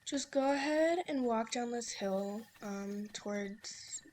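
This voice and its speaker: A woman's voice: fairly high pitch, takes it slowly, a little mellow. A young woman giving casual, instructive gameplay commentary as a let's play host, chatty and with many fillers.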